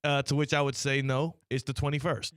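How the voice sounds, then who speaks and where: A man's voice: medium pitch, little pitch movement, fairly quick, fairly bright tone, clear, resonant tone, dry recording, clean studio sound. An American man hosting casual radio chat, his speech a little slurred, with a mouth half numb from the dentist. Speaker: sports radio show host. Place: radio studio.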